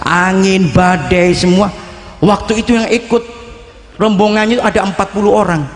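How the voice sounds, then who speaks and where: A man with a high-pitched voice preaches at a normal speed and in a steady tone, his style folksy and dramatic. He often addresses his listeners as "Pak." The recording was made in an echoey hall with long reverb.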